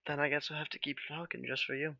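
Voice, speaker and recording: Gravelly bright-voiced male streamer. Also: a little high, fast talker, slight background noise. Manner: relaxed, rambling, with many fillers and trailing questions. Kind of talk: casual live-stream chat with viewers.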